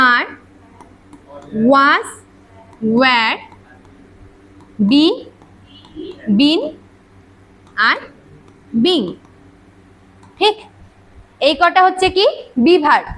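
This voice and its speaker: Very high-voiced woman teaching class. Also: fairly bright tone, low-quality recording. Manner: quizzing students with rhetorical questions, brisk and scolding. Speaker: English grammar teacher. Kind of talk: classroom lecture. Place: classroom with students.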